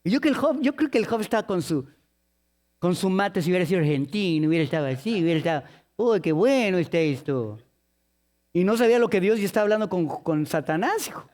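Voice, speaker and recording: High-voiced man preaching a sermon. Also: quick pace. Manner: lively storytelling with jokes, acting out the people in the story.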